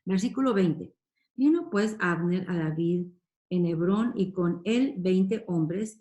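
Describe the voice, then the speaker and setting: Slow, earnest woman teaching Bible. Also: lowish voice, warm tone, reverberant. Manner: reads verses then explains them with emphatic questions.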